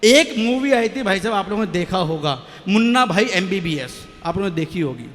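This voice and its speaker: A man with a high voice performs comic poetry on a stage microphone, telling jokey stories and ribbing the audience. The sound carries a long reverb from the live venue. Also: sing-song, fairly quick, fairly bright tone. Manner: jokey storytelling, banter with audience. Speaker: stage poet.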